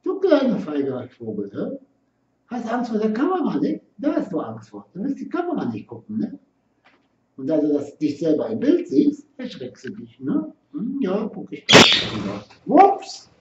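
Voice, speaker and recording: A man's voice: high voice, wildly swooping pitch, normal speed, fairly bright tone, a little hiss or hum. A man talking to his pet birds in a teasing, sing-song coaxing way, tacking "hä?" and "ne?" onto his questions, at home. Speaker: pet bird owner. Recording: dull, roomy home video from a distance.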